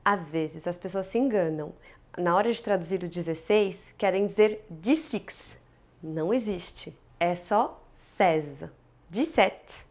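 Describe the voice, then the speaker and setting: A woman with a Brazilian Portuguese accent teaching French numbers in an upbeat, playful online lesson, drilling each word slowly. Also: fairly low pitch.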